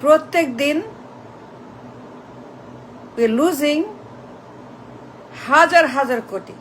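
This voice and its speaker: High-voiced woman ranting slowly. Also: a bit bright, a little hiss or hum, rough recording. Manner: repetitive, mocking, mixing in English phrases. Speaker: political commentator. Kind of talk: impassioned political rant.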